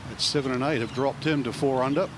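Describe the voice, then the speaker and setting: A man's voice: medium pitch, steady tone, fast talker, background noise. A man commentating live on golf as an analyst.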